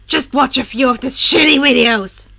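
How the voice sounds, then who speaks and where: A woman reading a fanfic aloud and voicing a foul-mouthed, irritable young male villain who talks gruffly and loudly. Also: sits high, normal speed, full character voice. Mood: exasperated. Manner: gruff, swearing, loud. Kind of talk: podfic character voice.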